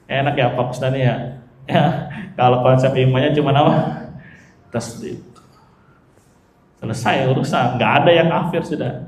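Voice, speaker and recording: A man's voice: mid-range voice, echoey room. A man giving an Islamic study lecture. He asks his audience questions and answers them himself, with chatty, joking asides. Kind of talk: religious lecture.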